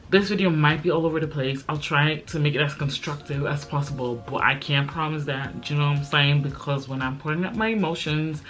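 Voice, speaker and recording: A woman in her twenties who grew up in Belgium chats casually to camera in a YouTube vlog, rambling and using lots of fillers. Her voice sits low and has a fairly bright tone.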